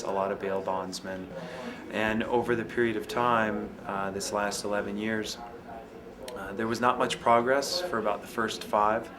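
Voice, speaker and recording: A man who owns businesses downtown, answering interview questions in a measured, halting way with frequent fillers. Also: lowish voice.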